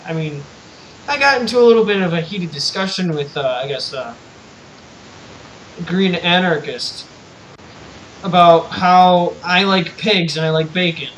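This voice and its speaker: This co-host, a young man on a live stream, has a high-pitched, fairly bright voice. His talk is loose and profane, full of halting restarts, and the rough audio carries some hiss or hum.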